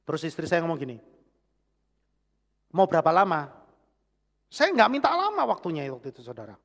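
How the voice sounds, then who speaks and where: A middle-aged man with a Javanese accent preaching a sermon with personal testimony, animated, swinging from loud exclamations to hushed asides. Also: a little high, racing, vocal fry. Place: church hall. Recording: long church hall reverb.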